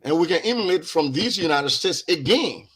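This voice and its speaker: A man's voice: on the high side, expressive, moderate pace, fairly bright tone, slightly rough. A man with a Liberian accent, a guest on a discussion podcast, talking earnestly and repeating words as he builds his point.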